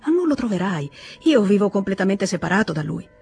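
A reader doing an earnest, calm man. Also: medium pitch, brisk, slightly rough, faint music behind, heavily acted. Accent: Italian. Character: calm, earnest younger brother. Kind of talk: radio audiobook reading.

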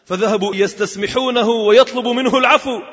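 In a mosque, a preacher delivers a Friday sermon and dramatizes a story, lengthening phrases to stress them. He has a very high-pitched, steady, slightly bright voice with a breathy edge and talks fast, captured in a dull lo-fi recording drenched in long reverb.

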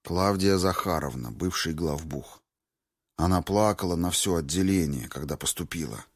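A man calmly reading a first-person story aloud in a measured, sober way. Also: low-pitched, dry recording, clean studio sound.

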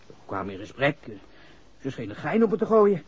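For a 1960s radio drama, an actor plays a nervous, shifty young man whom the police suspect, stammering out slangy lines in a defensive, uneasy way. His voice is fairly high, sing-song, husky and a little fast, heard through a muffled vintage radio recording.

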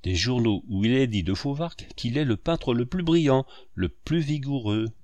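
A man reading the part of a gentle friend who speaks calmly and persuasively. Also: mid-range voice, normal speed, dry recording, lightly acted. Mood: coaxing. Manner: calm, coaxing.

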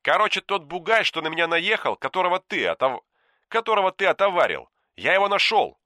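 A man's voice: sits high, very animated, a little fast, bright, forceful tone, dry recording, studio quality, voice pushed up, full character voice. A man voicing Anton, a cocky, touchy young man who talks in a chatty, sly way. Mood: boastful. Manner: chatty, sly, easily offended. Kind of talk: audiobook character voice.

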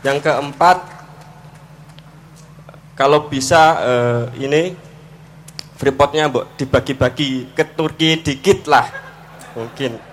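Slow, halting man with fillers. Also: medium pitch, a bit bright, a little hiss or hum. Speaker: speaker at a forum. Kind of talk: casual humorous speech.

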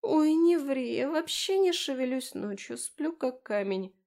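A woman voicing a brash young woman friend who speaks loudly and indignantly. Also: high-pitched, expressive, unhurried, pitched above the performer's own voice. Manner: loud, indignant.

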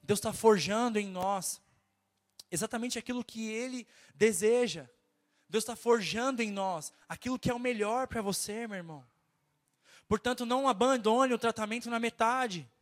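Fervent nasal Brazilian preacher, high voice. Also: male voice, normal speed. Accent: Brazilian Portuguese. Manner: fervent, exhorting, keeps repeating "my brother". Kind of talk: sermon.

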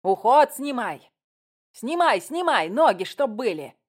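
A woman's voice: on the high side, very animated, a little slow, pitched above the performer's own voice. A woman reading an audiobook, voicing a bossy female TV director who barks commands. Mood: barking orders. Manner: barking commands.

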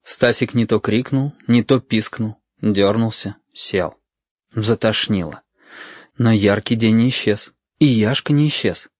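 A man narrating a children's story in a measured, expressive way. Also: lowish voice, dry recording. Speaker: audiobook narrator. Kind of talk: scripted narration. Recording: dull, dry lo-fi audio.

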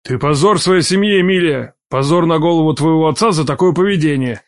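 A woman reading aloud and voicing a furious, domineering young man who lectures and shouts, in a lowered voice. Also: animated, a little fast. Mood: raging, scolding. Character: furious young male relative, domineering and scolding.

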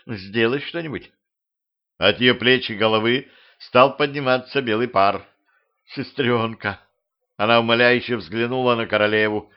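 A man's voice: medium pitch, steady tone, normal speed, few pauses, clean tone. Man reading an audiobook, lo-fi sound. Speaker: audiobook narrator. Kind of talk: audiobook narration. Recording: dull lo-fi home recording.

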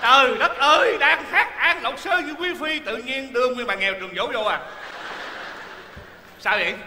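A man's voice: extremely high pitch, normal speed, bright, forceful tone, full character voice. An actor playing a hungry, forgetful male folk-opera actor in a stage comedy sketch, whiny and pleading. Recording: echoey hall stage recording with crowd noise.

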